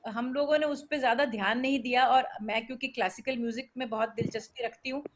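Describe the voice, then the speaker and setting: A woman speaking earnestly in a casual discussion, pausing often with fillers. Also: fairly high pitch, steady tone, slight background noise. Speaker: workshop participant.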